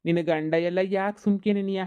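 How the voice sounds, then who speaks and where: A woman's voice: medium pitch, fairly even intonation, moderate pace, smooth, highs cut off, lightly acted. A woman doing a sweet-talking village suitor. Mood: coaxing. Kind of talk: cartoon comedy voice acting.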